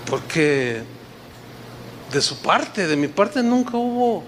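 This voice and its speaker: A man's voice: high-pitched, sing-song, slow, a little hiss or hum. A man preaching a sermon as a pastor, telling a story and acting out the quoted dialogue.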